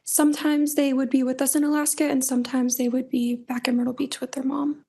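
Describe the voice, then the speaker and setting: A woman's voice: sits high, little pitch movement, a little fast, mellow, slightly rough. A young woman giving courtroom testimony as a witness, with brief, plain, reserved answers. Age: young adult.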